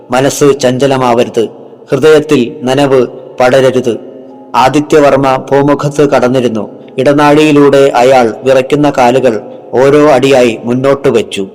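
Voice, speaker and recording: A man's voice: medium pitch, darkish tone. Man narrating a horror story. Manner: dramatic, measured reading.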